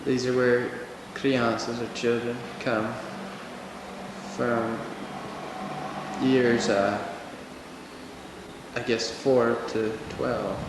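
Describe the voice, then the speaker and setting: A young man, mid-pitched, talks casually and points things out while walking through a bare church classroom. His voice rings with a cave-like echo off the hard walls. The camcorder recording carries a steady hiss of background noise. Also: extremely slow, pauses often. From United States. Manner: plain explaining tone, points things out as he walks. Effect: cave-like echo in a bare room. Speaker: missionary giving a video tour. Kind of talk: casual narrated home video tour. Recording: noisy home camcorder recording.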